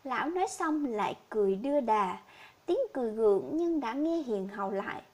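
High-voiced woman reading a story. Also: lively intonation, brisk, darkish tone. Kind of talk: audiobook reading of a short story.

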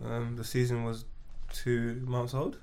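A man's voice: medium pitch, monotone, unhurried, a crowd in the background. A man co-hosting a podcast in casual banter. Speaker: podcast co-host.

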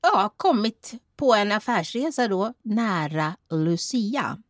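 A woman's voice: mid-range voice, no room sound. A woman tells a story on a casual podcast, her voice swinging up and down as she acts out what people said. The sound is close and dry, with no room around it. She keeps laughing along with her own telling. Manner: animated, laughing, acts out quotes. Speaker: podcast co-host.

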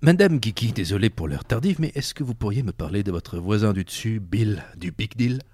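Husky deadpan comic man. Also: lowish voice, fairly quick. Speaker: comic actor playing a police lieutenant. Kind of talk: improvised comic radio sketch.

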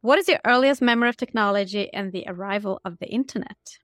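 A woman's voice: mid-range voice, fast, a bit bright, no echo, clean studio sound, faint music behind. A woman hosting an interview, reading out scripted questions in an upbeat, structured way. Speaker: interview host.

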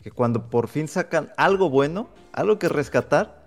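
Guy chiming in calm, kinda high voice, light music behind. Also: normal speed. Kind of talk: casual opinion chat.

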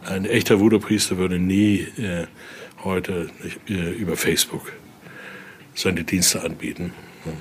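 A man with a low, unhurried voice and fairly even intonation leads visitors through a Voodoo altar exhibition, with slight background noise. He's the guide and collector, telling stories on an informal tour and often ending sentences with short question tags.

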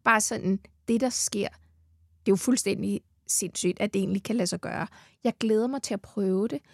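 A woman's voice: mid-range voice, gravelly, no room sound, studio quality. A heavily pregnant Danish woman chatting as a podcast guest, enthusiastic, swearing freely and laughing often. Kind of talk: casual chat. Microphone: studio mic.

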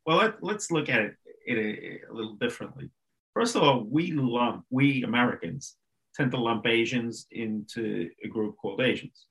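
A man co-hosting a podcast who explains his reasoning step by step. He often restarts his phrases mid-thought. His voice is bright. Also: mid-range voice, lively intonation, moderate pace, creaky. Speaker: podcast co-host. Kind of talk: casual discussion.

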